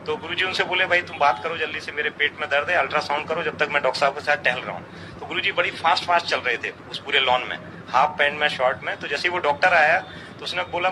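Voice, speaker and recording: A middle-aged man earnestly recounting a devotional experience, quoting others in dialogue. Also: on the high side. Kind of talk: storytelling testimony. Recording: outdoor traffic noise behind.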